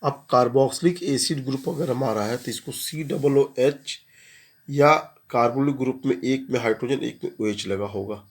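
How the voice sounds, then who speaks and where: A man's voice: medium pitch, moderate pace. A man talks through a chemistry lesson in a mid-range voice. He moves step by step, repeats each key term, and poses questions that he answers himself. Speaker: chemistry teacher. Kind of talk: classroom lecture.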